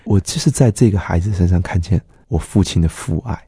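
A man's voice: low voice, brisk, vocal fry, mellow, slightly rough, no echo, studio quality. A middle-aged man, a pastor earnestly telling his personal testimony and acting out the dialogue he quotes.

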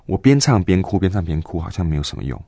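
A man in his twenties telling a personal faith story in an interview, earnest and halting, with many fillers and restarts. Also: low-pitched, sing-song, creaky, mellow, no echo. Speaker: guest giving a faith testimony.

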